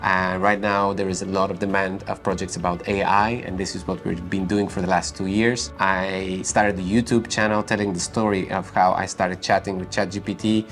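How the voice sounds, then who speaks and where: A man from Bulgaria in his thirties speaks in a low voice, measured and unhurried, pausing often with small fillers. Soft music plays faintly behind him. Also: flat delivery. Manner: measured, with frequent "uh" pauses. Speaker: company founder and YouTuber. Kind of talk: interview answers and direct-to-camera talk.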